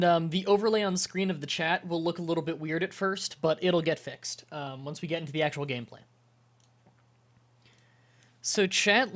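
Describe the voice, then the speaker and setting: A congested man wearing a nasal strip, short of breath, chatting casually to viewers as a live streamer and pausing to breathe. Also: a little high. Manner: halting, with pauses to breathe and throat clearing. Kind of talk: casual livestream chat to viewers. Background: music.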